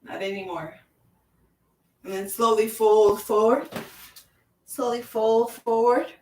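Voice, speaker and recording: Slow, soothing woman leading chair yoga. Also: on the high side, a little mellow. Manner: slow, soothing guided cues with repeated phrases. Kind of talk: guided yoga class with visualization. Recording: echoey room, voice from far off.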